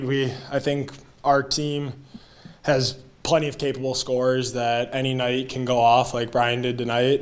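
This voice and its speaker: A young man speaks as a college basketball player in a postgame interview. His voice stays flat and even, and he answers in plain, steady sentences. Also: medium pitch. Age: young adult.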